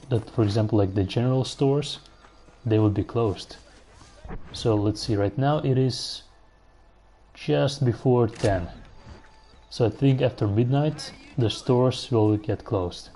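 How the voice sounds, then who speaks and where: A man's voice: on the low side, slight background noise. A man streaming a video game live, chatting casually and thinking aloud as he plays and answers viewers. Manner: relaxed, musing aloud while playing, answering chat. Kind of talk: casual gameplay commentary.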